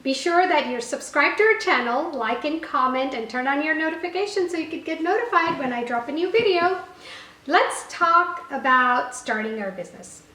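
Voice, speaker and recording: High-pitched and sounding pushed and bright, this woman runs an online language-teaching business and speaks Gujarati as her first language. She offers conversational advice to camera with frequent "you know"s and self-corrections, recorded with roomy echo from a little distance.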